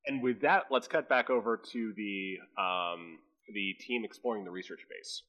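A man's voice: on the low side, moderate pace, muffled recording. A man running a tabletop role-play game as game master, calling rolls and describing scenes. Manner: animated, laughs easily, restarts often.

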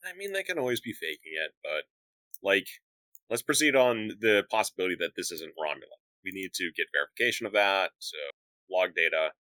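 Male tabletop player with a low, bright voice; very lively and rambling; dry sound. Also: fairly quick, dry recording. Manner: rambling, full of "like". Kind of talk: casual tabletop game chat.

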